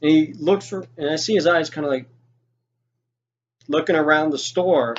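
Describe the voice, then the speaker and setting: This storyteller is a young man whose fairly high voice moves at normal speed through a lo-fi recording. He shares a personal anecdote casually and with plenty of swearing and exasperation, voicing what each person said.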